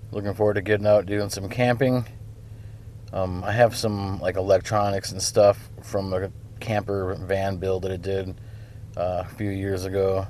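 A young man from Wisconsin chats casually outdoors next to his pickup, in a fairly low voice. He rambles with plenty of fillers, recorded on a handheld phone with faint outdoor noise behind him. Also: a little mellow. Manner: laid-back, rambling, lots of fillers. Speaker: vlogger showing his truck. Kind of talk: casual walkaround vlog. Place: outdoors beside a pickup truck.

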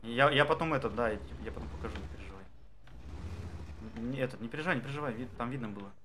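A man's voice: medium pitch, racing, a bit bright, a little hiss or hum. A man giving casual instructions to others over game voice chat. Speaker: participant helping direct the drill.

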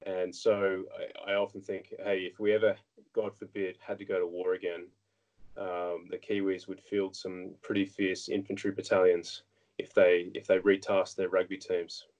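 A man's voice: low voice, level tone, normal speed, a little mellow, poor audio. An Australian man in his thirties, a guest politician chatting frankly in an interview, telling anecdotes with many restarts. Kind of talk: casual interview chat.

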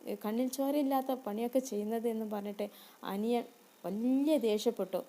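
A woman's voice: fairly high pitch, a little fast, warm tone. A woman narrating a family drama story in a dramatic, repetitive way.

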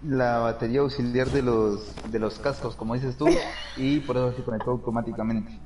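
A man's voice: mid-range voice, fairly even intonation, fairly quick, a crowd in the background. A man chatting casually while playing an online game. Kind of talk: casual chat while gaming.

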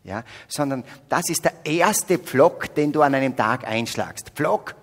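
An older man from the Salzburg region with an Austrian accent, giving a spiritual talk at a faith festival, joking with the audience and swinging between loud exclamations and hushed whispers. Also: mid-range voice, expressive, a little slow. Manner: humorous, addresses audience directly. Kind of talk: spiritual talk to young adults. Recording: long hall reverb.

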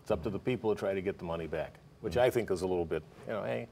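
A man's voice: deep voice, racing, creaky, dark tone, slightly rough. A middle-aged man, a financial planner, explaining things steadily as a guest on a morning news show in a TV studio.

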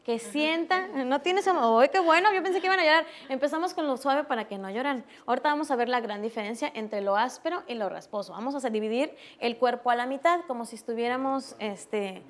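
Woman, Mexican accent, high voice; instructor demoing on a TV morning show, patient and gentle. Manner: explains slowly, softens words for babies. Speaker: early stimulation instructor.

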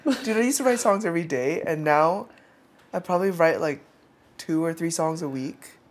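A man in his twenties from Hong Kong, a singer-songwriter speaking candidly and wryly in a documentary interview. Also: a little high. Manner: candid, wry, brisk.

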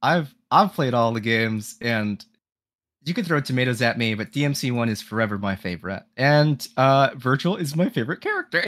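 Co-host, reads chat aloud, upbeat and chatty, lively pitch, dry close sound. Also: moderate pace, no room sound. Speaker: stream co-host reading chat. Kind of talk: casual stream chat.

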